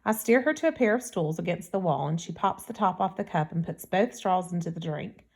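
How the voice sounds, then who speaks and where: Female audiobook narrator, first-person story, steady storytelling delivery. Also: lowish voice, a little fast.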